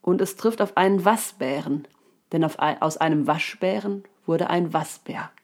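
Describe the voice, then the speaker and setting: A woman pastor with a slightly low voice gives a short telephone devotion. She speaks in a calm, measured way and reads passages aloud. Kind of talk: recorded phone devotion.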